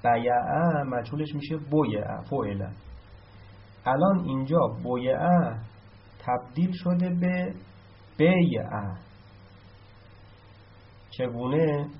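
A man's voice: medium pitch, lively intonation, vocal fry, pauses often. Man teaching, chanting verb forms. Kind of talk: Arabic grammar lesson. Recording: dull lo-fi sound.

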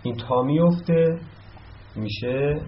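Man teaching a grammar lesson. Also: fairly high pitch. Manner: explains step by step, repeats words slowly. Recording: dull lo-fi sound with faint noise.

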